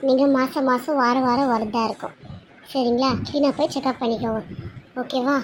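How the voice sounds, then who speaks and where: A woman's voice: sits high, steady tone, normal speed, a little hiss or hum, close to an everyday voice. A woman voicing a stern lecturing cartoon doctor. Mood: firm lecturing. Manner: firm, lecturing. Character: stern, principled female doctor. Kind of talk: cartoon serial voice acting.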